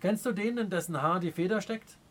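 A man reading aloud as a proud, stern chief in a storybook, speaking with slow, weighty scorn. The voice sits a touch high for a man. It sounds commanding rather than shouted. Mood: angry. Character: proud stern adult male Native chief. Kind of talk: audiobook character reading.

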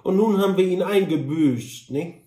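A man's voice: sits high, normal speed, mellow, roomy sound, distant mic, pitched above the performer's own voice, lightly acted. A man doing a fretful, stammering cantor. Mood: regretful. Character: fussy, sorrowful male cantor.

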